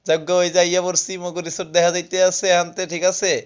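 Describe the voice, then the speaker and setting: A man's voice: sits high, completely flat delivery, rapid-fire, clean tone, highs cut off. A man from Barishal with a Barishal accent, casually narrating a travel vlog at a resort, joking and chatty, often checking that listeners follow him. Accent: Barishal dialect of Bengali. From Barishal, Bangladesh. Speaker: vlogger. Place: outdoor resort with swimming pool.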